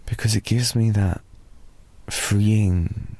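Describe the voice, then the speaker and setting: In an improvised ASMR boyfriend roleplay, a British man with a fairly low voice softly rambles through a drowsy, meandering story meant to lull the listener to sleep. His storytelling is soft, slow, and sleepy.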